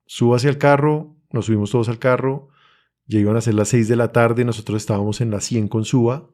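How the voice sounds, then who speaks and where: A man's voice: medium pitch, fairly even intonation, a little fast, darkish tone. A young man with a Bogotá accent, telling an emotional personal testimony as a podcast guest in an urgent, earnest way. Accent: Colombian, Bogotá. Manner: earnest, urgent storytelling, reenacts his own pleas.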